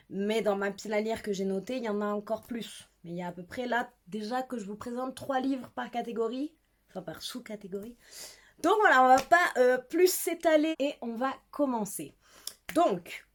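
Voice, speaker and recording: Chatty young Frenchwoman, slightly high voice. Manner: chatty, giggly, self-mocking. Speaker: book vlogger. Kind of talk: casual book haul chat.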